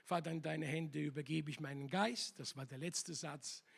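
Guest pastor, man, high gravelly voice, slow emphatic preaching. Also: steady tone. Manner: passionate, emphatic preaching with repetitions. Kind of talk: sermon. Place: church hall.

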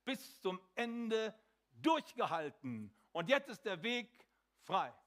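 A man preaching a sermon, dramatic and swinging between emphatic lines and hushed ones, slowing for emphasis. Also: high voice, sing-song.

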